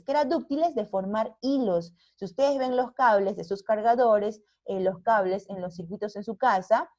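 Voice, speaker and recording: A woman with a Peruvian Spanish accent teaches a primary science class online. Her voice sits at a middling pitch and the audio is slightly dull. She keeps the children engaged by asking questions and checking in with them. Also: a little mellow.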